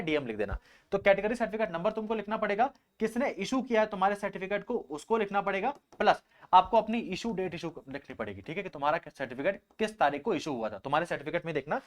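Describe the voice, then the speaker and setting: A young man is coaching students for an entrance exam, speaking very quickly in a relaxed, explanatory manner. His voice is fairly high for a man, and he repeats his points while addressing listeners as bhaiya.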